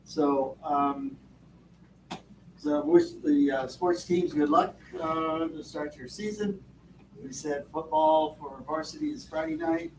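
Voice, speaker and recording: A Vermont man on a school board gives rambling, folksy remarks full of fillers in the board's meeting room. His voice is on the high side, animated and darkish in tone, and he takes it slowly. The mic picks him up from a distance in an echoey room with background noise.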